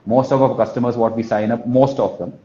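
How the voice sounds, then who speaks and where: A Malayali man from Kerala, speaking Indian English, coaches informally in the style of a telesales trainer, repeating points for emphasis and tagging sentences with "right?" and "you know what I mean?" His mid-range voice is dark, steady, and fairly quick. The recording is roomy, echoey, and dull, with a little hiss or hum.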